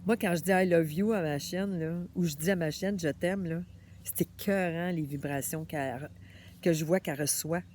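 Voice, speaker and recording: Woman, Québécois accent, casual vlog monologue, animated and chatty, faint background noise. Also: fairly low pitch, moderate pace. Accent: Québécois French. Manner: chatty, animated, talks straight to the viewer with frequent "là" and "hein". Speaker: vlogger.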